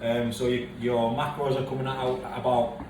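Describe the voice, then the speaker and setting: A man's voice: mid-range voice, flat delivery, normal speed. A man casually explaining a recipe step by step in his home kitchen. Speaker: co-host of home cooking video. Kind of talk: casual cooking instruction. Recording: echoey kitchen, mic far off, noisy.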